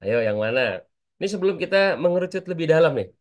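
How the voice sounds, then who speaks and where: A man's voice: on the high side, animated, rapid-fire, darkish tone. A man teaching an online public speaking class, chatty and constantly asking his students for answers.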